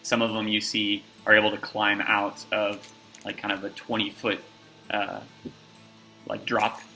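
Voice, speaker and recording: A man's voice: lowish voice, monotone, unhurried, creaky, pushed and bright, soft background music, low-quality recording. A man narrating a tabletop game as game master, talking loosely with lots of fillers and restarts.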